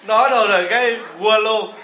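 In an echoey hall, a man playing a Buddhist monk teacher delivers a humorous sermon in a high-pitched, sharp-toned voice. He quizzes the audience with rhetorical questions and jokes around, teasing them.

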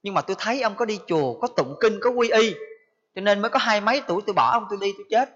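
A man's voice: sits high, animated, fast, fairly bright tone. A man voicing a wrongly accused son who recounts his grievance accusingly, on a dull lo-fi recording.

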